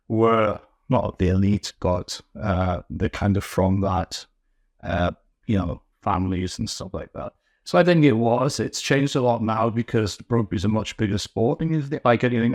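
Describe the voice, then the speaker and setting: Low-voiced man from Newcastle, dry sound. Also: no echo. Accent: mixed northern English. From Newcastle, England. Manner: relaxed storytelling with frequent restarts. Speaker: podcast guest. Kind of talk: casual interview chat.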